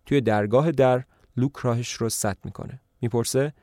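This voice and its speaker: A man retells a play as a podcast narrator, in a calm, even storytelling voice. His pitch sits in the middle range. The sound is close and dry, with no room echo.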